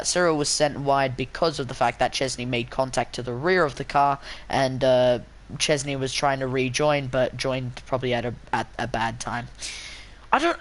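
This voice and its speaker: A man's voice: medium pitch, a bit bright. A man commentates a live sim race from his desk mic in the small hours. His talk wanders, stumbles and restarts, full of fillers and jokes at his own expense, and he sounds a bit tired. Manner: rambling, self-mocking, lots of fillers and restarts. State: tired late at night.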